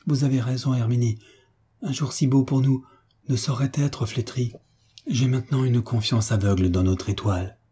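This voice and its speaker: A man's voice: mid-range voice, fairly even intonation, normal speed, mellow, breathy edge, pitched above the performer's own voice. A man voicing a frightened young orphan heiress, with an anxious, pleading manner. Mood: relieved.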